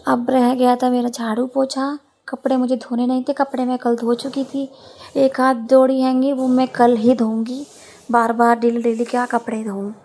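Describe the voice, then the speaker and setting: A young woman talks through her household chores in a casual home vlog, her voice hoarse and heavy from a sore throat. She rambles, grumbles and corrects herself as she goes, speaking in a fairly high voice. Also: darkish tone. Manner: rambling, complaining, self-correcting. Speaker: home vlogger. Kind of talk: casual chatty vlog narration.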